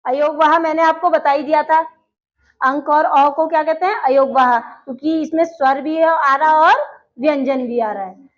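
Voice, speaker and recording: A woman's voice: high-pitched, steady tone, moderate pace. A woman teaching a grammar lesson, explaining step by step and asking questions that she then answers herself. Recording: dull lo-fi recording.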